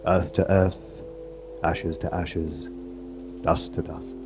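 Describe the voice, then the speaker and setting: A solemn priest played by a male actor recites funeral words in a low, measured voice. It is a live stage drama, captured with loud hum and noise over it. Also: level tone. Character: solemn priest reading a burial rite. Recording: noisy, humming live recording.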